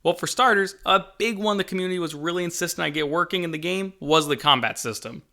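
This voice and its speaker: With a high, fast, pushed and bright voice, a man who is a game developer and channel host delivers upbeat scripted video narration. He comes across as enthusiastic and jokey.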